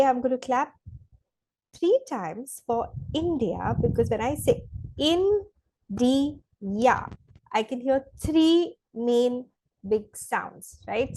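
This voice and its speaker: A woman lecturing slowly and deliberately to students in a recorded online lesson, with some fillers. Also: fairly high pitch, background noise. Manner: slow, deliberate teaching with fillers.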